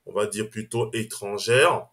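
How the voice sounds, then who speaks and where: Guy strasbourg on a podcast, lowish voice, hesitant, keeps restarting. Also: measured pace, fairly bright tone. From Strasbourg, France. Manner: hesitant, restarts phrases, says "on va dire" often. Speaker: podcast guest. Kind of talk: casual interview chat.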